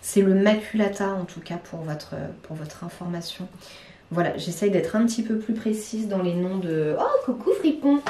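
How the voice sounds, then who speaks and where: A woman's voice: fairly low pitch, moderate pace, warm tone. Chatty woman in a roomy living room. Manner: chatty, hesitant, many fillers and restarts. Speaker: plant vlogger. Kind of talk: casual chat to camera. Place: living room at home among plants. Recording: roomy, from a distance.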